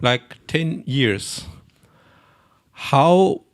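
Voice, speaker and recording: Creaky-voiced male interviewer, halting phrasing. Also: mid-range voice, lively intonation. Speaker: interviewer, host. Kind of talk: conversational interviewing.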